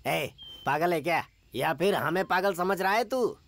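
A gruff, cowardly old henchman. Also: high voice, measured pace, fairly bright tone, exaggerated voice. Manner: gruff then whining. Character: aging, cowardly male henchman.

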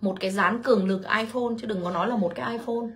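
A woman's voice: medium pitch, quick pace. A woman hosting a casual livestream, telling her own story bluntly and animatedly while speaking straight to her viewers.

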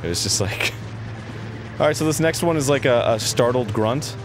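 A man's voice: mid-range voice, animated, normal speed, music in the background. A man co-hosting a gameplay show, giving casual commentary and crude jokes. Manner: joking, crude banter. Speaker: co-host.

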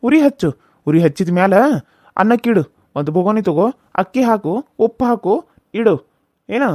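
A man's voice: high-pitched, no room sound, clean studio sound, natural voice. A man voicing a bossy, threatening young village husband in a cartoon serial, with a North Karnataka Kannada accent. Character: bullying hot-tempered young husband. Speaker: voice actor.

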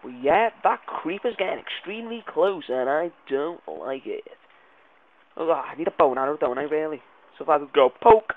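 A man giving excitable, jumpy let's play commentary, swearing and yelling when startled. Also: a little high, moderate pace. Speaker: gaming video creator. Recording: tinny lo-fi mic sound.

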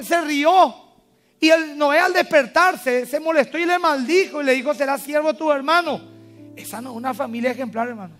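A male pastor with a Paraguayan Spanish accent preaching a sermon, swinging between loud emphatic cries and low quiet asides. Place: church. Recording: church service broadcast with faint music.

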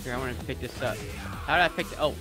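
A man's voice: mid-range voice, racing, music in the background. A man streaming a video game, giving laid-back, joking commentary and swearing freely. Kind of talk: gameplay commentary.

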